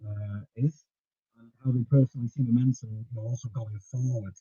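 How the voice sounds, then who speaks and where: A man moderating an online panel, with halting, filler-heavy questions, his mic cutting out in crackly dropouts. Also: medium pitch, fairly even intonation, warm tone, breathy edge. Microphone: video call. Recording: dull, dry line with dropouts.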